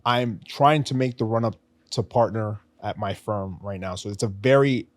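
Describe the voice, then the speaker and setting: A lowish, moderately paced voice with no room sound belongs to a podcast co-host in his thirties who speaks with a New York accent. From the studio, he carries on a casual, emphatic conversation peppered with slang.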